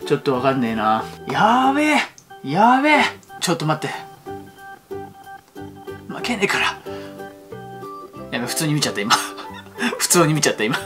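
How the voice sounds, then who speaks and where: Excitable rapid-fire male fan host. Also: fairly high pitch, over music. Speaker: YouTube fan channel host. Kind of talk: excited reaction commentary.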